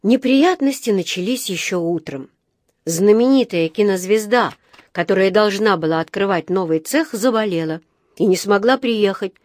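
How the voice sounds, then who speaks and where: A woman reads a children's story aloud in a clear, even storytelling manner. Her voice is mid-pitched and the sound is dry and close. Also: normal speed, no room sound. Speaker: narrator. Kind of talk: scripted narration of a children's story.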